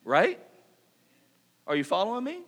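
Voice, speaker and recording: Pastor type, middle-aged man, high voice, lively preaching with jokey asides. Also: measured pace. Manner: lively preaching, reads Scripture, mock-apologizes in funny voices. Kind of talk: sermon.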